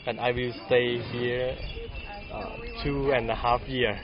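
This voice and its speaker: Thai-accented man, halting casual English. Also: mid-range voice, level tone. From Thailand. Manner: halting learner's English with fillers. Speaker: interviewee. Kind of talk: casual street chat. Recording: dull lo-fi outdoor recording with loud crowd and music.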